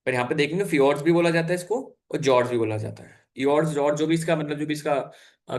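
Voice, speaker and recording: A young adult man teaching an exam-prep geography lesson over slides in a casual, chatty way, full of fillers and self-corrections. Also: a little high. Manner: chatty, frequent fillers and self-corrections, mixes in English terms.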